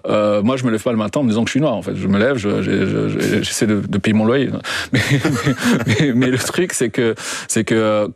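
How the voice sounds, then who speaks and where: In a dry-sounding recording, a young documentary co-director from Belgium recounts his story in a radio interview, full of fillers, hesitations and restarts. He speaks a little fast at a fairly low pitch, with a creaky, breathy edge.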